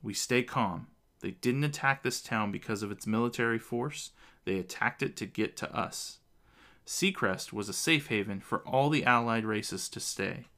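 A man voicing a calm, level-headed male warrior companion who speaks in a steady, reasoning way. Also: mid-range voice, moderate pace.

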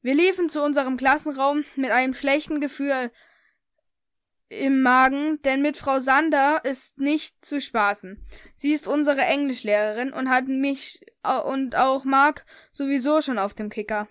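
A woman's voice: high-pitched, steady tone, measured pace, a bit bright, dry recording, studio quality. A young woman casually reading aloud a story she wrote, with slips and self-corrections. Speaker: reader of her own story.

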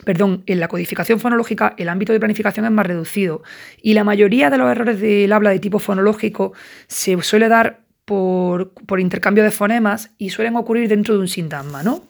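A woman from talks through a university lesson in a relaxed, conversational way. She keeps checking in with her listeners through little questioning asides. Her mid-pitched voice carries a gravelly edge of fry. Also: a little fast. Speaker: university tutor. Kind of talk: casual recorded lecture.

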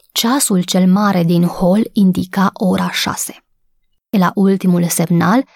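A woman reading a children's story aloud as narrator, with calm, even storytelling. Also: on the low side, vocal fry, no echo, studio quality.

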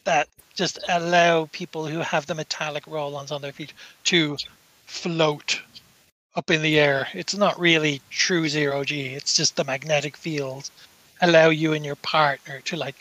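A man narrating a tabletop game as game master, in a relaxed, rambling way with frequent fillers. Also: fairly high pitch, measured pace, poor audio.

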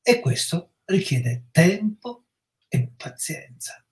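A middle-aged man, a psychologist, explaining with measured, reflective pacing in an educational talk. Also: sits high, very animated. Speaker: psychologist guest.

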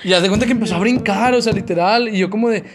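Young mexican guy talking super fast, high voice, does sound effects. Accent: Mexican Spanish. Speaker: podcast co-host telling a story. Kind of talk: casual chat, storytelling.

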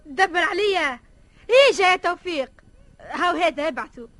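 A cheeky little Tunisian boy in a vintage radio play. The voice is very high and quick, and he talks back to the old man. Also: expressive, fairly bright tone, dry recording. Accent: Tunisian Arabic. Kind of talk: 1950s radio drama acting.

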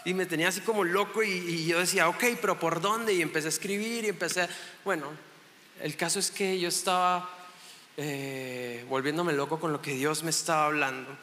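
A guest preacher in his thirties from Chihuahua, Mexico, gives a casual sermon in a church hall with a northern Mexican accent, chatty and self-joking, often restarting his sentences. His voice is fairly high and fairly quick, with fairly even intonation and a bright, forceful tone. The echoey hall adds long reverb, and there's slight background noise.

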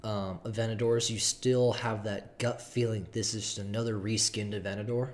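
A man's voice: fairly low pitch, flat delivery, normal speed. A man in his early twenties, a podcast guest talking casually in a laid-back, slightly nasal voice. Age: early 20s. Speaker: podcast guest, car photographer. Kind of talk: casual chat. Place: home dining room, indoors.

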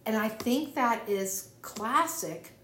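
A woman's voice: fairly high pitch, lively intonation, slow, fairly bright tone, slight background noise. A woman co-hosting a casual advice chat, speaking reflectively and drawing on her own experience. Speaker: podcast co-host. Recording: roomy echo.

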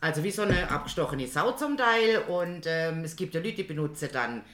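A woman's voice: low voice, animated, brisk, fairly bright tone. Casual podcast co-host, woman, rambling anecdotal delivery, roomy sound. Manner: chatty, ends remarks with "oder?". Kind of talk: casual chat, telling anecdotes. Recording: roomy echo.

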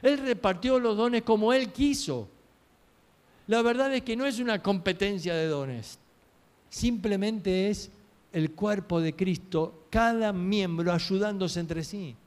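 A man's voice: high voice, takes it slowly, clean tone. A man preaching a sermon, telling stories earnestly and asking rhetorical questions.

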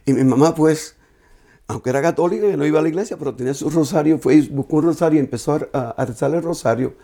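A man sharing an emotional personal testimony, telling it in an earnest, halting way with many restarts. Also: on the high side, vocal fry, mellow.

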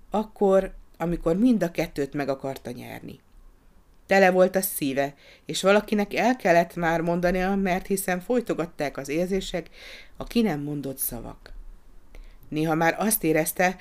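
Measured audiobook narrator. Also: mid-range voice.

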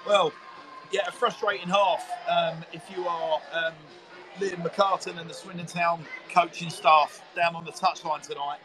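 A man's voice: a little high, steady tone, a little slow, over music. A man commentating and interviewing live from a football commentary box, wordy and informal. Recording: noisy live stadium broadcast, clear background noise. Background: stadium ambience.

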